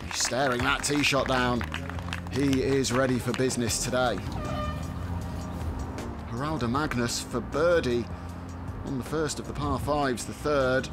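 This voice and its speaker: A man working as a golf commentator, calling highlights of a tournament round. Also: fairly even intonation, unhurried, pauses often, music in the background.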